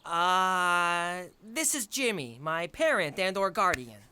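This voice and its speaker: A woman's voice: on the low side, animated, slow, bright, forceful tone, clean tone, dry recording, exaggerated voice. A woman voicing an earnest, polite fifteen-year-old boy in a cartoon. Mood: eager.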